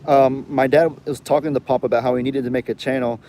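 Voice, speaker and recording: A young livestream host with a light Southern drawl talks quickly at medium pitch with fairly even intonation and a dark tone, over a little hiss or hum. He rambles chattily in casual live chat, reading viewer comments aloud.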